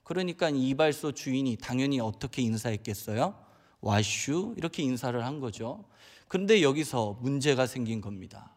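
A man's voice: mid-range voice, expressive, a little fast. A man from Chungcheong Province preaching a sermon, telling a humorous story and often addressing the congregation directly. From Chungcheong Province, Korea. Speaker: pastor. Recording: long hall reverb.

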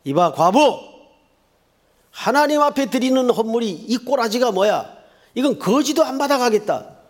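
A man voicing a harsh, scornful male temple priest who yells contemptuously. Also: very high-pitched, lively intonation, normal speed, pitched above the performer's own voice. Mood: scornful yelling. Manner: yelling contemptuously.

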